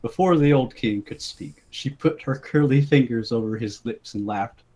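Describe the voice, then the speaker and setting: In a casual online group voice chat on a home mic, a man gives a dramatic reading of a comic story, often breaking into giggles and laughter. His voice is medium-pitched and mellow, at a moderate pace.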